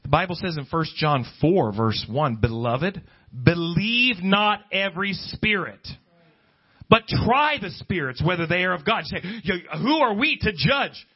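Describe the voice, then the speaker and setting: The man's voice sits high, with lively intonation and a breathy edge, and he takes his time. He preaches an off-the-cuff, conversational sermon, emphatically asking rhetorical questions and quoting scripture and imagined objectors. The sermon recording is dull and lo-fi.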